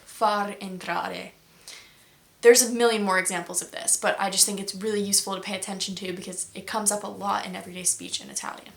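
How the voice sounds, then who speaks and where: A woman's voice: medium pitch, gravelly, fairly bright tone. Chatty woman teaching language. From United States. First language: English. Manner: chatty, explains patiently with many examples. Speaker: language-learning video host. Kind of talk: casual video lesson.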